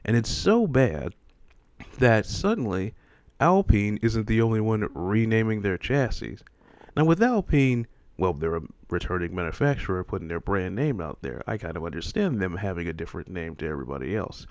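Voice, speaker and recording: Hosting a video, a man with a fairly low voice gives casual, opinionated commentary, very animated and exasperated, firing off rhetorical questions at normal speed. The sound is dry and close, with no echo.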